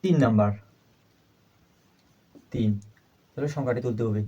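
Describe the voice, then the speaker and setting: A man teaching a primary school math lesson, asking questions and answering them himself, repeating each number slowly as he writes. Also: mid-range voice, dark tone, highs cut off. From Bangladesh.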